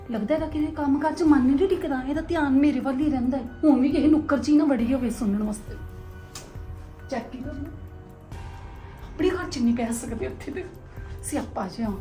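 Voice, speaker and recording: A woman's voice: high voice, mellow. A woman with a Punjabi accent acting a sly, wheedling younger sister-in-law in an amateur family drama.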